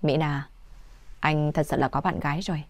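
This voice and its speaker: Woman reading a steady serious young man. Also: sits low, moderate pace, dry recording. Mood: firm. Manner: steady, firm.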